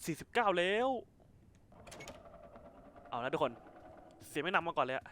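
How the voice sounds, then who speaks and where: A man giving casual let's-play commentary as a gaming YouTuber, excitable, swearing casually and laughing often. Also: a little high, moderate pace, a little hiss or hum. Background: faint music.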